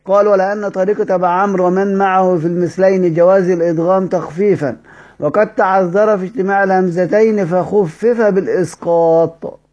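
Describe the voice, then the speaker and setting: A man's voice: sits high, steady tone, darkish tone, dull audio. Egyptian man teaching recitation rules. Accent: Egyptian Arabic. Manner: explains with questions to the class, demonstrates recitations slowly. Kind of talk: lesson explaining a text.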